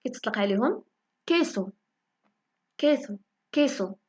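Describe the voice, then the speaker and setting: A woman with a Moroccan Arabic accent teaching a language lesson, saying each example word slowly and repeating it for learners. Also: on the high side, expressive, a little mellow. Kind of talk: spoken lesson in Moroccan Darija.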